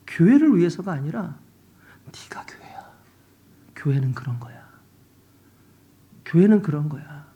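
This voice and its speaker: A preacher voicing God in a tender whisper. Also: male voice, sits high, husky, exaggerated voice. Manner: hushed, tender. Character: God speaking softly, gentle and reassuring. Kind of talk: whispered role-play.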